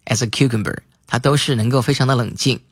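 A man teaches English words in a recorded lesson, spelling each word and repeating the example sentences slowly. His voice sits at an ordinary middle pitch and is recorded dry and close. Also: breathy edge, dry recording.

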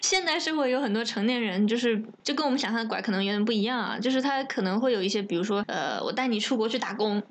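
A woman co-hosting a podcast, talking in animated casual chat with frequent laughs. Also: fairly high pitch, a little hiss or hum. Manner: animated, laughing, quick asides. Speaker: podcast co-host.

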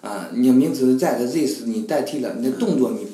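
一位男性嘉宾在闲聊中讲述留学趣事，常模仿对话和动作，说话生动。. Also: male voice, mid-range voice, fairly quick, echoey room, poor audio. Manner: animated storyteller, acts out scenes with voices and sounds. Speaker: guest. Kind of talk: casual conversation.

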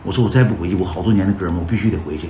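A man's voice: low-pitched, rapid-fire, a little hiss or hum. A man with a Northeastern Mandarin accent telling his own story on a livestream. He talks in a chatty way and keeps calling out to the viewers as brothers. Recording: roomy echo with loud background music.

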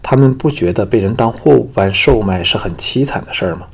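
A man voicing a cunning young male soldier who speaks calmly and curtly in an audiobook. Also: lowish voice, a little fast, vocal fry, husky, full character voice.

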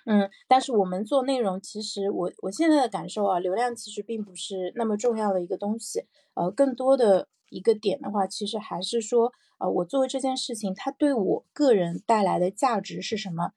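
A woman's voice: medium pitch, a little fast, hardly any pauses, mellow, slightly rough, no room sound. A woman hosting a personal morning audio show, talking casually and reflectively, thinking aloud with repeated phrases and little check-in questions. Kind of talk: casual reflective solo podcast talk.

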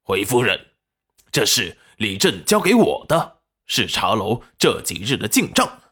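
A composed young guard who answers his masters flatly and politely, as a male narrator voices him. He keeps an even, unhurried delivery in an audiobook. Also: lowish voice, husky, full character voice. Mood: dutiful.

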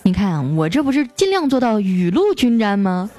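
Mellow-voiced woman hosting a joke show. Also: medium pitch, big pitch swings, normal speed, soft background music, some chatter behind. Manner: playful, laughing asides. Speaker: radio joke-show host. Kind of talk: reading listener jokes aloud.

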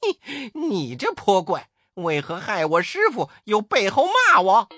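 一位男子在故事中扮演猴王孙悟空，语调高扬，常嘿嘿笑，口气张扬。. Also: male voice, high voice, wildly swooping pitch, measured pace, bright, forceful tone, no echo, clean studio sound, voice pushed up, exaggerated voice. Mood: cocky. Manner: laughing "heh heh", brash cries. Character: cheeky boastful male Monkey King, bold and spry.

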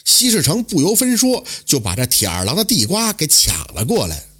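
Husky man telling a folk tale. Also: fairly high pitch, fairly quick. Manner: lively, dramatic intonation. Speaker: storyteller. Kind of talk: traditional oral storytelling.

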